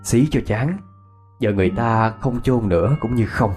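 A man's voice: mid-range voice, normal speed, darkish tone, soft background music. A man narrating a ghost story in a reminiscing storyteller's cadence.

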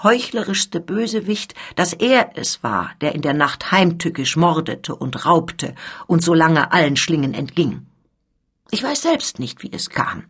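A woman's voice: medium pitch, husky. A woman reading as a proud soldierly count. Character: a male French count, a guard colonel, soldierly and proud.

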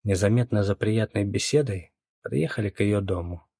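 A man reading a novel aloud in a calm, even storytelling voice. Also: on the low side, normal speed, vocal fry, slightly rough, no echo, clean studio sound. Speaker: audiobook narrator. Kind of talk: scripted narration.

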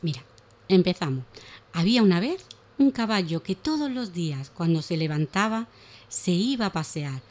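A woman speech therapist talks on a radio morning show, explaining language exercises for children. She then reads a children's story aloud in an animated storytelling voice. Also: lowish voice, moderate pace. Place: radio studio.

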